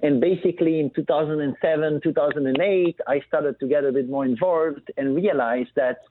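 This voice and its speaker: A Belgian man with a slightly high voice and a slightly fast pace phones in as a guest on a business talk show. He founded a family business and talks casually and fluently, using plenty of fillers. The phone line sounds tinny, with faint noise.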